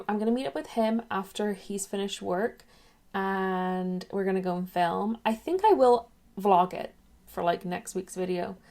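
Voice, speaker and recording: A woman born in England and raised in Ireland vlogs casually on a webcam as a YouTuber. Her medium-pitched voice is a little mellow, and she's chatty and rambling, drifting off topic.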